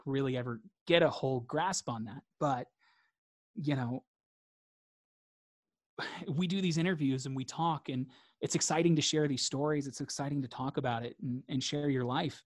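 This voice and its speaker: A man's voice: mid-range voice, normal speed, dry recording, studio quality. Earnest man repeating phrases for emphasis. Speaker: interview guest. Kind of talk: reflective conversational interview.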